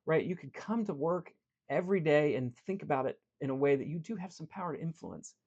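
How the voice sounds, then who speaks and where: A man's voice: fairly high pitch, brisk, slightly rough, highs cut off. A man speaking as a life coach in an earnest, direct motivational talk, telling a story from his work. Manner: earnest, direct, swings between animated and quiet.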